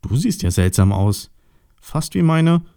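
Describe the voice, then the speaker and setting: A man voicing a small, weepy Easter bunny in a storybook, with a squeaky, sobbing and excitable manner. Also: a little slow, gravelly, clear, resonant tone, no room sound, clean studio sound, full character voice. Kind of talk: storybook voice acting.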